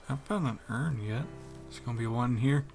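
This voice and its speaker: A man's voice: mid-range voice, fairly quick, gravelly, a little mellow, faint music behind. A man with a Southern US accent giving casual let's-play commentary, jumpy and nervous and swearing a lot. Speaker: gameplay commentator.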